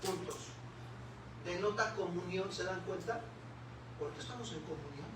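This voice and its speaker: A man's voice: high-pitched, normal speed. A man with a Mexican Spanish accent preaching a sermon as pastor, emphatic and full of rhetorical questions to the congregation. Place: church hall. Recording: echoey hall, distant mic, audible room noise.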